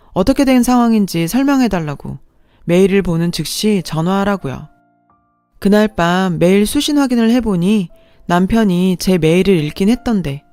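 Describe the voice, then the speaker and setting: A woman's voice: lowish voice, darkish tone, dry recording. A woman narrating her own story in scripted form, in a confiding, conversational first-person manner.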